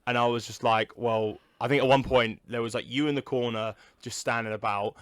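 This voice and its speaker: Brief: young male podcast co-host, mid pitch, dry close sound, loose rambling chat with swearing. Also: fairly even intonation, brisk, a bit bright, smooth, no echo. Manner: rambling, swears, lots of fillers. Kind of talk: casual chat. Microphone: video call recording.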